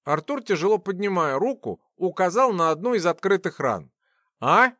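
An audiobook narrator reads a scripted fantasy novel with expressive, story-driven delivery at a moderate pace. His fairly high voice moves lively through each sentence, recorded close, completely dry and without echo.

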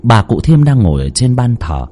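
A man's voice: medium pitch, sing-song, moderate pace, warm tone. A man narrating a horror story in a dramatic, suspenseful way.

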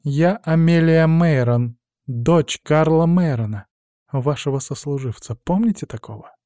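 Pushing his voice up a little higher, a male narrator plays a young woman full of cold menace and vengeance, mocking and drawling her threats slowly. His dark, mellow delivery is recorded close with no room sound, giving an intimate storybook-reading feel.

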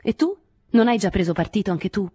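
A woman reading an audiobook, voicing an angry, sharp-tongued young woman who lashes out with biting remarks. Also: very animated, fairly quick, husky, no room sound. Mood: aggressive. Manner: aggressive, shrill outbursts.

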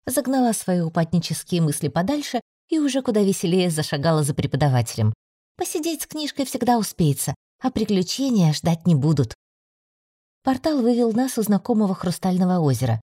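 A woman narrating a first-person fantasy audiobook in a lively, wry storytelling manner. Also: mid-range voice, dry recording, studio quality.

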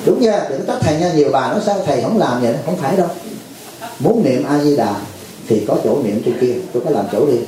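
A man's voice: fast talker, a little hiss or hum. Echoey, folksy male monk preaching. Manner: folksy, asks the crowd "phải không?" often; acts out dialogues with lively pitch jumps. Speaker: monk teaching a retreat. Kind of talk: dharma talk to a temple audience. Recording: very echoey hall.

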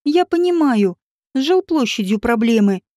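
Brief: woman narrator voicing a tense, cutting woman, high voice, dry and dark. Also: expressive, moderate pace, dry recording, lightly acted. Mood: tense probing. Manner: quiet, tense, cutting questions. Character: composed woman, tense, cold, probing.

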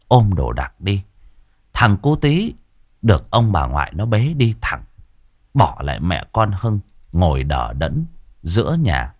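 Expressive male audiobook narrator. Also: low voice, dry recording, studio quality. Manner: dramatic, expressive reading. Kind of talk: dramatic story narration.

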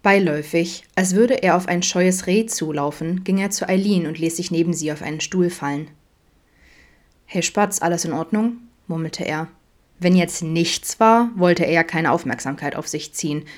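A woman narrating a fanfiction audiobook in a calm, even reading voice. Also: lowish voice, moderate pace.

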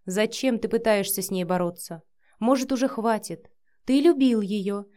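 Brief: woman voicing a jealous, hot-headed young woman for an audiobook; sharp, emotional delivery. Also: mid-range voice, normal speed, natural voice. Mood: soft.

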